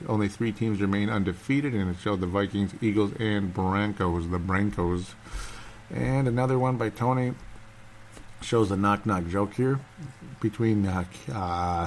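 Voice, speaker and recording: A man's voice: on the low side, slight background noise. A man hosting a casual solo sports fan show in a subdued, held-back voice, as if not to wake anyone, rambling and repeating himself.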